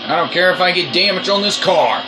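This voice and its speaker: A man giving excited commentary on his own racing game play, urgent and repetitive as he coaxes and cheers. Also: high voice, fairly quick, music in the background, low-quality recording.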